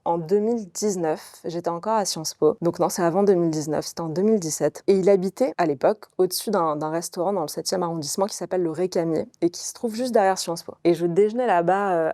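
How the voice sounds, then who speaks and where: A woman in her thirties, an interview guest telling a personal anecdote in a lively way and acting out the dialogue of the people in it. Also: on the low side, no echo, studio quality.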